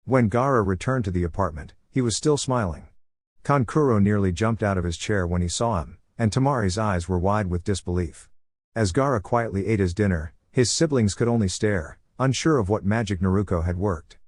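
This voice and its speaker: Low-voiced man narrating a fan story. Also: moderate pace, no room sound. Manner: even storytelling read, same voice for all characters.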